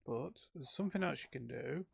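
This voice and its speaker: A man's voice: mid-range voice, animated, brisk, creaky, husky, no echo, muffled recording. A man giving casual, rambling commentary on his own gameplay, with frequent ums and self-corrections. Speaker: let's play host.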